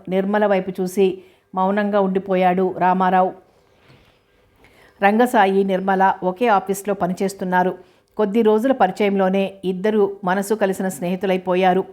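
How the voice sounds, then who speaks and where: A woman narrating a story with a steady, even reading manner. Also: mid-range voice.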